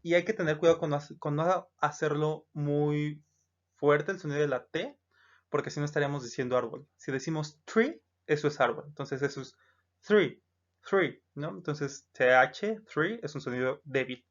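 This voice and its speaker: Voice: medium pitch, brisk. A teacher with a Mexican Spanish accent in a recorded lesson, patiently saying each English number aloud, repeating it, and checking in with "¿no?". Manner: explanatory, with frequent "eh" and "¿no?" checks. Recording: slightly dull lo-fi recording.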